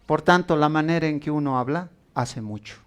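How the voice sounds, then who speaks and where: A man's voice: on the high side, brisk, smooth. A man preaching a sermon, telling stories with acted-out quotes and asking the congregation questions.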